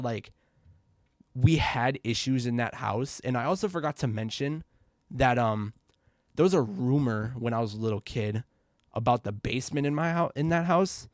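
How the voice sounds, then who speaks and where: A young man tells a spooky childhood story straight to his viewers, loose and slangy, dropping bro and you guys between lines. His voice sits at an ordinary middle pitch. The sound is dry and close, with no room around it. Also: dry recording. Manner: quiet and low at first, grows loud and excited. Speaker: vlogger telling a story. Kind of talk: casual storytime.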